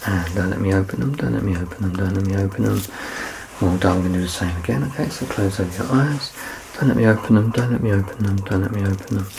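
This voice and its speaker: This thirties-aged man speaks quickly yet softly, his deep voice lightly creaking as he plays a doctor in an ASMR exam roleplay. Reassuring and self-deprecating, he often drops close to a whisper while guiding the patient, with distinct noise behind him.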